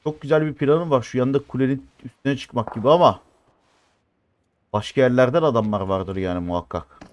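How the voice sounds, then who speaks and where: A man in his thirties giving animated gameplay commentary, cursing and complaining at teammates as he plays. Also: mid-range voice, a little fast, dull audio. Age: 30s. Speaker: mobile game streamer.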